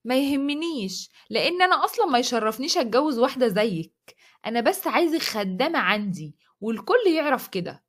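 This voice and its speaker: A woman's voice: a little high, big pitch swings, fast talker. A woman voicing an arrogant, cruel man who orders his wife around, in an Egyptian Arabic accent and a scornful, commanding manner. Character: arrogant cruel young man, domineering husband.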